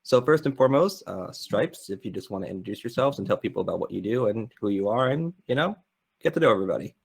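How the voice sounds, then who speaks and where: A man hosting a convention panel, introducing guests and reading a submitted statement aloud in a self-described monotone. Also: fairly low pitch, fast talker, creaky, slightly rough. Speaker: panel host. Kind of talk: casual panel moderation.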